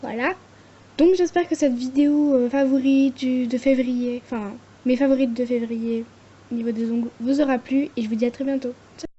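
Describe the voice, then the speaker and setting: A woman's voice: high voice, steady tone, normal speed, warm tone, husky, muffled recording. A young woman casually reviewing her favorite nail products, chatty and hesitant, with lots of fillers. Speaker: nail art vlogger.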